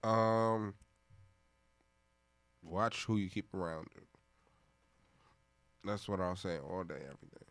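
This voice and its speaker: A man's voice: low-pitched, takes it slowly, long pauses, a bit bright, no room sound. Laid-back man talking street slang. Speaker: DJ guest. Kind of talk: casual interview chat.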